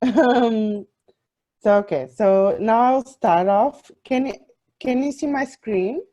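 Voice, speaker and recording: A young woman from Portugal, a software developer, giving an online talk with many fillers and restarts. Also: fairly high pitch, takes it slowly, highs cut off. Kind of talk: online presentation.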